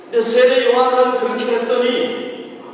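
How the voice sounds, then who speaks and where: A man's voice: very high-pitched, level tone, moderate pace. A man preaching a sermon as pastor, telling the story with emphatic acted-out quotes. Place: large church hall. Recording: echoey hall from far off, faint noise.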